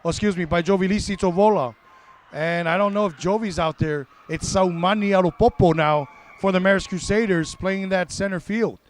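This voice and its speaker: A man doing live play-by-play for a high school football broadcast, excitable and quick to correct himself mid-call. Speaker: play-by-play commentator.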